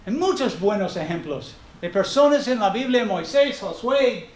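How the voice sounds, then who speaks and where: A man preaching a sermon in a conversational, animated way, often checking in with "ok?" and sometimes searching for words. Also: high-pitched. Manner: searches for words in Spanish, with halting restarts. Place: church hall. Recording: echoey church room.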